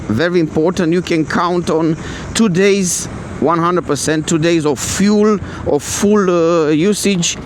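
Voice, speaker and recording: A man who speaks English as a second language gives a casual product review in a halting, repetitive way. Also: fairly high pitch. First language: not English. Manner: halting, repetitive non-native phrasing. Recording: clear outdoor traffic and vehicle noise.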